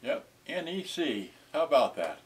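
Very animated and pitched on the high side, this sixty-something man mutters to himself and talks haltingly while unboxing vintage electronics. The off-the-cuff demo is filmed from close by in a small indoor room.

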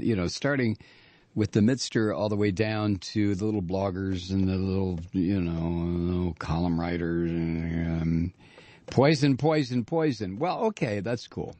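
A man's voice: low-pitched, darkish tone, dry recording. Male radio host, mocking and indignant, dry close studio sound. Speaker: radio talk show host. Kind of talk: opinionated political radio monologue.

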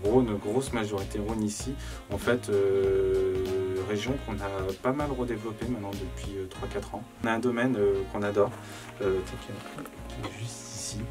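A man's voice: fairly low pitch, fairly even intonation, moderate pace, over loud music. A man in his thirties, a head sommelier, talking casually with lots of fillers while showing a wine cellar. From Charente, France. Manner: conversational, many fillers and "en fait". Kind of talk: guided cellar tour. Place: stone wine cellar indoors.

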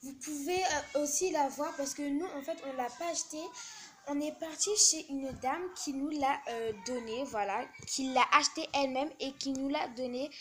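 A young girl films a home video on a phone she holds herself, chatting casually in a small living room. Her voice sits high and moves at a moderate pace, hesitant and full of fillers, with slight background noise.

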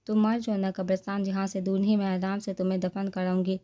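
A woman voicing a sharp-tongued, irritated young bride who snaps back with sarcasm in a romance novel reading. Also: medium pitch, little pitch movement, natural voice. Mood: sarcastic. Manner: sarcastic, snapping.

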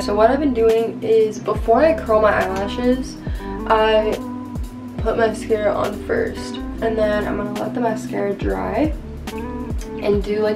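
Talking to a camera set at arm's length, a twentysomething woman vlogs her daily makeup routine from a small indoor bedroom beside a bathroom doorway. She has a mid-range voice caught on a distant mic, and her casual, relaxed chatter is full of "like" and "um."

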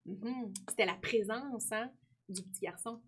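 Breathy woman teacher. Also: fairly high pitch, unhurried. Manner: warm, questioning, lots of tag questions. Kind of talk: reading aloud and teaching children.

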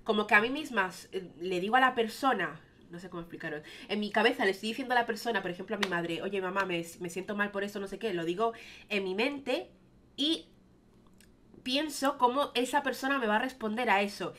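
A woman's voice: medium pitch, fairly quick, fairly bright tone. A young woman telling a casual storytime monologue in a chatty, rambling way full of fillers. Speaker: vlogger.

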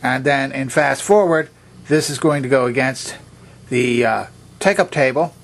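A presenter of vintage electronics demonstrations speaks at medium pitch, a little slowly and with vocal fry. His unscripted demonstration is methodical and plainly instructional, walking through things step by step.

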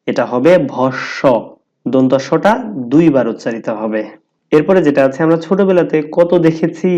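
Male teacher, mellow dark voice, patient explanatory delivery, dull lo-fi recording. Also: mid-range voice. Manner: explanatory, repeats words slowly for emphasis. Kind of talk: pronunciation lesson to camera.

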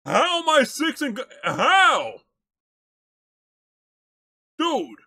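The voice is very high with huge pitch swings, delivered extremely slowly in a bright, forceful tone on a dry recording. It belongs to a live streamer reacting to a video, who reads aloud into a close mic and chats casually in slang, saying "bro" and "chat" a lot.

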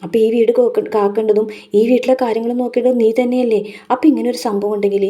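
Stern but caring old grandmother, voiced by a woman, fast-talking. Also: fairly high pitch, fairly even intonation, dark tone, natural voice. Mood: firm, advising. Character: firm caring old grandmother giving advice.

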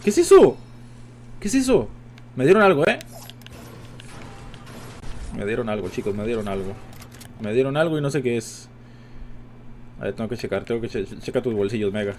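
A man with a Mexican Spanish accent giving casual, chatty commentary while streaming a game, talking to his viewers all the time and jumping into high-pitched exclamations. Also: lively intonation, brisk, long pauses, slight background noise. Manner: chatty, addresses viewers constantly. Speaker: gaming streamer.

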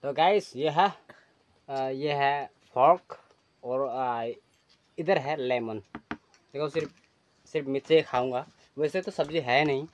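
A man's voice: mid-range voice, slow, pauses often, slight background noise. A young man chatting casually to viewers in a vlog, filmed on a phone at arm's length outdoors. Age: young adult. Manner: chatty, addresses viewers directly. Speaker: vlogger. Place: outdoors by a river, then a hut indoors. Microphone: phone camera held at arm's length.

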